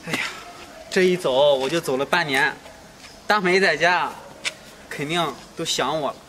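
A man's voice: fairly high pitch, moderate pace, pushed and bright, a little hiss or hum. A man playing an earnest young husband. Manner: pleading then reproachful, repeats questions. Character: earnest young husband, protective of his wife. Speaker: husband returning from work away.

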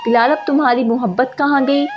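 A woman reading a soft-spoken young wife. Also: high-pitched, fairly even intonation, fairly quick, close to an everyday voice. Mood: pleading. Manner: soft and pleading. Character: young wife in love, later heartbroken. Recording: dull lo-fi audio with music.

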